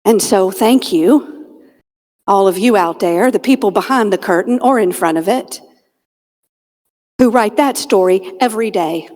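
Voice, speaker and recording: On a conference hall stage, a Georgia woman with a Southern US accent delivers a funny motivational keynote into a stage mic, her mid-range, slightly mellow voice trailing long hall reverb. A motivational speaker and comedian, she tells stories dramatically, with pauses, comic asides, and punchlines dropped to a near whisper.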